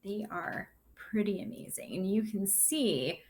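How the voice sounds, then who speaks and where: Her voice at a middle pitch, a sixth grade teacher reads a children's picture book aloud as a lesson. The reading is tender, measured and expressive, sprinkled with her own remarks.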